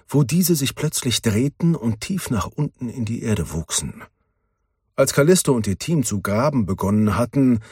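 A man reading a children's story aloud as narrator, in an expressive way. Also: on the low side, slightly rough, dry recording, studio quality.

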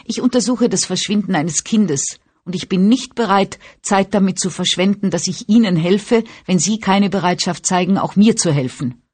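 A woman's voice: mid-range voice, moderate pace, few pauses, darkish tone, breathy edge, no echo, pitched above the performer's own voice, close to an everyday voice. A woman reading a patient, firm police inspector. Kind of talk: audiobook character voice.

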